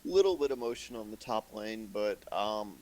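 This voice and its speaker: A man giving measured, analytical co-commentary on a live video game match. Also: fairly low pitch, expressive, darkish tone, low-quality recording. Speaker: esports co-commentator.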